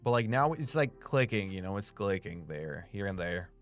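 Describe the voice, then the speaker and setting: Low-pitched and sing-song, his voice moves at a moderate pace over soft background music. The young Romanian streamer and voice actor chats loosely with his audience in a slight accent, leaning on "like" and swearing without restraint.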